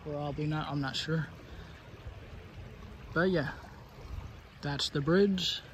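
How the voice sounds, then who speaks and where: This young man talks slowly in a higher-pitched voice while vlogging outdoors along a wooded trail, phone held out at arm's length. His casual talk is rambling and hesitant with many fillers, and the recording is muffled with slight background noise.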